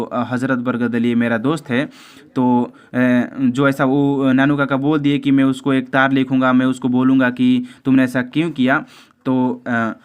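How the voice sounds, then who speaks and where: Hesitant man teaching a lesson. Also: medium pitch. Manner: hesitant, frequent filler sounds, halting over English lines; talks directly to viewers as friends. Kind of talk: explaining an English lesson in Hindi.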